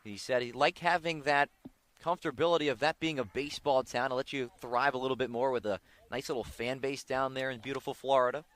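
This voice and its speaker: With a medium-pitched voice and a fairly quick delivery, this American radio announcer handles live baseball play-by-play, his calls rising with excitement on big plays.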